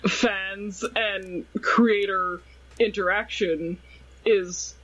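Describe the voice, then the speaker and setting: A man's voice: sits high, fairly even intonation, extremely slow, a bit bright. A man co-hosting a podcast in casual chat, rambling and sarcastic. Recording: slightly dull lo-fi recording.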